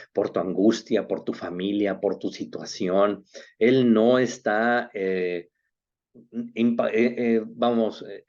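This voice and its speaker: A man delivers a sermon in a fairly low voice. He preaches earnestly and lifts into emphatic questions. The recording is dull and lo-fi, like a basic church recording. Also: darkish tone. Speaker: pastor.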